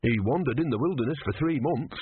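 A man's voice: mid-range voice, lively intonation, fairly quick, noisy background, voice pushed up, lightly acted. A man playing an earnest young novice monk. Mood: solemn. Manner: earnest, anxious, sincere. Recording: tinny phone-like audio.

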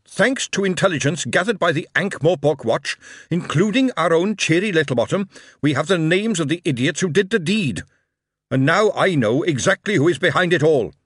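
Brief: male narrator as a booming dwarf king, raised pitch, loud, indignant, animated. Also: a little slow, no echo, studio quality. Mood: furious. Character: furious male dwarf king, commanding and righteous.

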